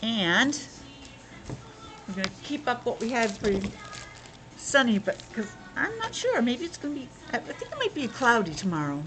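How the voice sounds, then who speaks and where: Fairly high, a bit bright and sing-song at normal speed, this woman's voice leads an interactive lesson for young children. As a preschool teacher she plays, exclaims, questions, and sounds out words, with faint music and poor audio.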